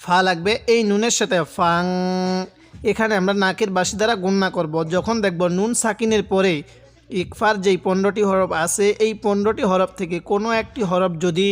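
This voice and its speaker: A man teaching Quran reading, spelling out syllables and drawing them out slowly when reciting, with patient step-by-step explanations. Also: high-pitched, fairly even intonation, big-room sound.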